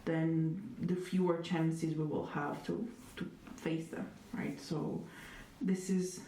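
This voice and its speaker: Speaking slowly, a young woman from Italy has a deep, mellow voice with little pitch movement. She is the interviewee in a reflective, conversational exchange, weighing her words with plenty of hedges and fillers and a touch of dry, wry humor. The distant mic captures an echoey room and faint noise.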